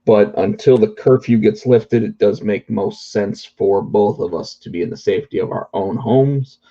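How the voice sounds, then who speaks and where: A man's voice: on the low side, moderate pace, warm tone, muffled recording. A man co-hosting a casual talk show remotely from home, chatting conversationally. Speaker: podcast co-host. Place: indoors at home, remote call.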